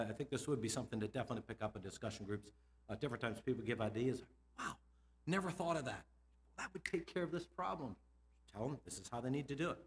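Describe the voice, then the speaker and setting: A middle-aged American school administrator with a mid-range voice gives a lively conference talk to teachers. He asks them questions and laughs between points.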